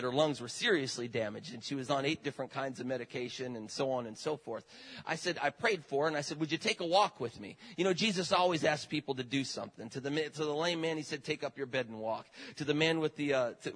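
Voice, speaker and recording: A man's voice: mid-range voice, a bit bright, poor audio. A middle-aged man, a traveling evangelist, telling healing stories in a folksy sermon full of fillers and amens. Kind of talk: sermon testimony.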